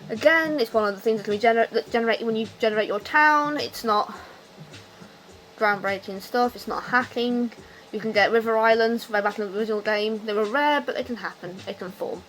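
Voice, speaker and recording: A woman's voice: a little high, a little fast, a bit bright, a little hiss or hum, poor audio. A drunk woman on a rambling, unscripted rant about her hobby, loose-tongued, opinionated and emphatic in an exasperated way. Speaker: video game commentator.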